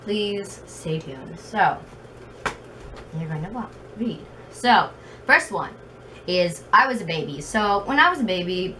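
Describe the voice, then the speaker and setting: A woman's voice: mid-range voice, a bit bright. Chatty young-sounding vlogger woman, slight lisp, noisy room. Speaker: video blogger. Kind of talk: casual chatty vlog storytelling. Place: bedroom at home. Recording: noisy room with fan, distant mic.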